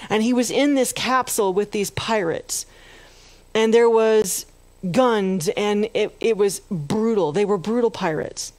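A woman's voice: mid-range voice, measured pace, a little mellow, dry recording. A woman pastor preaching a sermon, retelling a story and building to fervent emphasis. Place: church.

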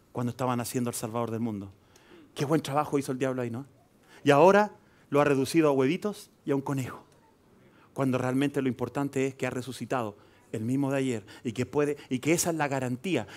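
A man with a Chilean accent preaching a live sermon in church, swinging between quiet asides and loud, emphatic stretches. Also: medium pitch. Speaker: pastor. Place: church hall.

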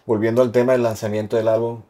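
A man's voice: medium pitch, flat delivery, quick pace, mellow. A man interviewing a singer, asking probing personal questions and pressing with follow-ups. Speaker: interviewer, channel host.

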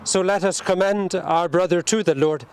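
A man leading a burial service outdoors at a cemetery, reciting the prayers in a solemn, measured way. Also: sits high, a little mellow, a little hiss or hum. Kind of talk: liturgical graveside prayer.

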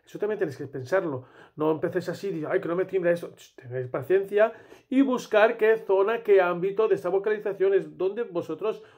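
A man's voice: sits high, moderate pace, darkish tone, dull audio. A man from Spain with a Spanish accent, a tenor teaching a casual singing lesson and singing vocal exercises between explanations.

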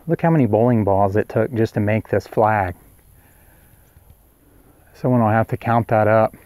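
A man's voice: on the low side, darkish tone, dry recording. A man with an Oklahoma accent casually narrating a walking tour of a rural yard, recorded outdoors on a handheld camera. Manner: easygoing, chatty, narrates as he walks. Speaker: vlogger touring a roadside attraction.

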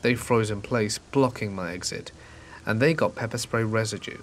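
A man narrating a true scary story in a calm, measured way, dropping quieter at tense moments. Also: on the low side, slight background noise. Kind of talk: scripted narration.

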